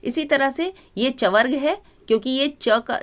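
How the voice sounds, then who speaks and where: A woman Sanskrit teacher giving a grammar lesson to students, explaining patiently and drawing out sounds as examples. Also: high-pitched. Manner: slow drawn-out demonstration of sounds.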